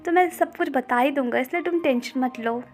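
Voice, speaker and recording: A woman's voice: sits high, a little fast, faint music behind, natural voice. A woman voicing a playful young man who teases the heroine. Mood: calm. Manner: teasing, playful.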